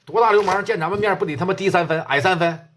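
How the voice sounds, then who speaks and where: A man's voice: sits high, fast talker, a bit bright, slight background noise, pitched above the performer's own voice. A man voicing a brash, domineering middle-aged police captain with a Northeastern Mandarin accent, questioning bluntly. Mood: pushy.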